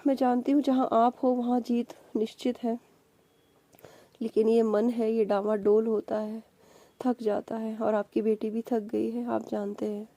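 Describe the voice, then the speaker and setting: A woman's voice: on the high side, level tone, unhurried, warm tone, no echo. A woman sharing a devotional testimony in a prayerful, emotional way, slipping English words into her talk. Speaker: satsang sharer, channel host.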